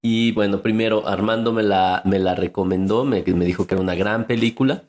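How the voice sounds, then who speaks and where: Guy co-hosting a podcast, lowish voice, rambly, keeps restarting his sentences. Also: a little fast, a little mellow. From Mexico City. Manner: rambling, self-interrupting, joking. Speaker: podcast co-host. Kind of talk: casual podcast chat.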